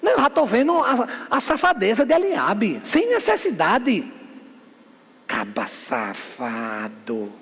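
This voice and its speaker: A man's voice: very high voice, sing-song, normal speed, fairly bright tone, slightly rough. A man from Brazil, preaching a fiery sermon as a bishop, firing rhetorical questions and acting out scenes. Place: church hall. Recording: long reverb of a church hall.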